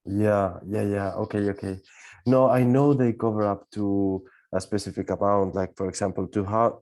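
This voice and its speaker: A man's voice: sits low, darkish tone. A man asking questions on a webinar call, unsure and questioning. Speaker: webinar participant.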